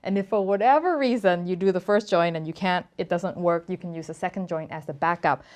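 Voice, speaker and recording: A woman from Thailand hosts a casual cooking tutorial, chatting to the camera in a playful, emphatic way. Her voice is fairly low and her pace brisk.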